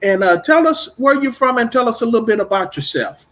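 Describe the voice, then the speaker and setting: A man's voice: very high voice, animated, a little fast, a bit bright. A middle-aged man from Texas hosting a casual radio interview, rambling and repeating himself in an upbeat way. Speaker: podcast and radio host.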